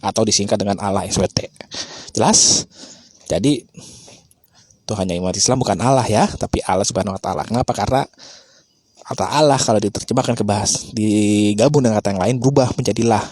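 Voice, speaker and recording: Male host, low husky voice, argumentative and explanatory. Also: brisk, pauses often, darkish tone, no echo, clean studio sound. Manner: argumentative, rhetorical questions. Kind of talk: casual explanatory talk.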